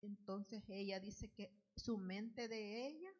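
Slow husky woman giving church testimony. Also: mid-range voice, darkish tone, muffled recording. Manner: earnest, unhurried, loose and repetitive phrasing. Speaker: church member giving testimony, Bible study leader. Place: church sanctuary, at the altar.

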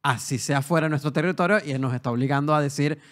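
Fast-talking Venezuelan man. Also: fairly high pitch. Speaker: podcast guest. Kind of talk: casual chat.

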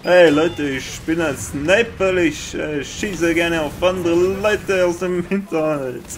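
A man's voice: on the high side, takes it slowly, slight background noise. A man mocking a smug sniper player.

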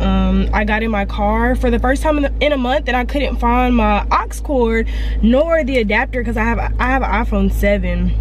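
A woman's voice: on the high side, background noise. A young woman from Georgia talking casually to her viewers in a vlog, filmed close up with a handheld camera inside a car. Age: young adult. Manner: chatty, addresses viewers as y'all. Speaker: vlogger. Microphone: handheld camera close to face.

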